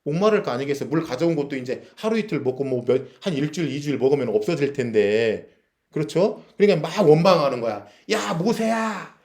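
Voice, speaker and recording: A man's voice: medium pitch, expressive, fast talker, darkish tone. A man teaching a Bible lesson to young people at chapel, asking them questions and reading verses aloud. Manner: asks the listeners questions, reads verses aloud, acts out scenes. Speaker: teacher leading a youth chapel.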